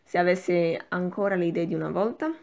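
A woman's voice: fairly low pitch, steady tone, brisk, creaky, darkish tone. A woman doing a defiant, hot-tempered young man. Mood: curt, defiant. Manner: curt, defiant, bursts into angry tirades.

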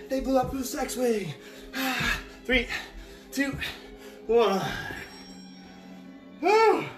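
A fitness coach leading a live workout, energetic and encouraging, counting down reps and puffing out loud breaths while exercising along. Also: mid-range voice. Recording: echoey room with faint music.

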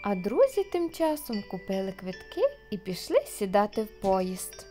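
Lively woman telling a children's tale. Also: medium pitch, normal speed, soft background music. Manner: lively, expressive. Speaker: storyteller. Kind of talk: children's audio tale narration.

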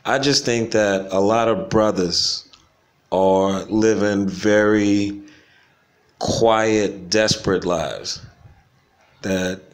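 A man, talking casually and reflectively in a slangy, unscripted monologue for his vlog, chuckling often. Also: fairly low pitch. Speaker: vlogger. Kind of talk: casual stream-of-consciousness monologue. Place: home in the Caribbean.

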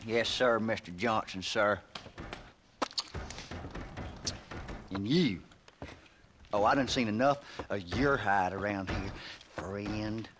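An actor playing a surly, hostile deputy in a video game, with a gruff drawl. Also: male voice, lowish voice, unhurried, background noise, lightly acted. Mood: sulky. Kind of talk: video game cutscene acting.

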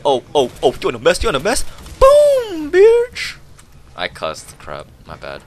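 A young man giving jokey, rambling commentary over a shooter game, breaking into excited yelps and laughter. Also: on the low side, a little hiss or hum. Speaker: gameplay commentator. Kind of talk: goofy live gameplay commentary.

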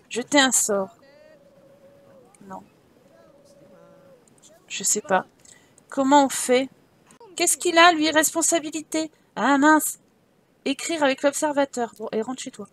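A woman's voice: high-pitched, animated, measured pace, pauses often. A woman hosting a gaming channel, giving casual gameplay commentary, chatty and joking as she thinks aloud.

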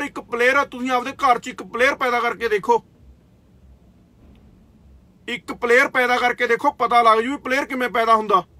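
High-voiced Punjabi man ranting angrily. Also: pushed and bright, no echo. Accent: Indian Punjabi. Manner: confrontational, scolding, swears, repeats "theek aa". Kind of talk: angry direct-to-camera rant.

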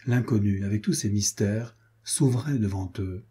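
A man reading a swashbuckling novel aloud as an audiobook narrator, in a measured, expressive way. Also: on the low side, slightly rough. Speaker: audiobook reader. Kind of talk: scripted narration.

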